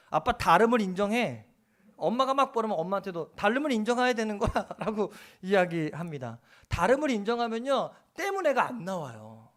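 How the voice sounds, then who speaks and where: A male pastor delivering a sermon in a church, his voice set high for a man. He acts out dialogue as he preaches and swings between hushed asides and loud, emphatic lines.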